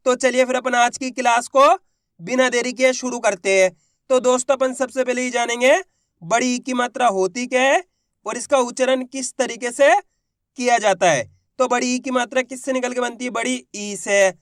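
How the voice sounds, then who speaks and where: A man teaching a beginners' reading lesson. He poses questions and answers them himself, sounding out syllables slowly and stretching the long vowels. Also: very high-pitched, fairly even intonation, fairly bright tone, no echo, clean studio sound. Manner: draws out long vowels when sounding out words. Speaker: Hindi teacher.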